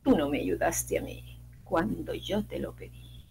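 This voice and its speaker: Stern fire spirit talking low, woman putting it on, storybook tale. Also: very animated, unhurried, gravelly, noisy background, exaggerated voice. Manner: low, reproachful.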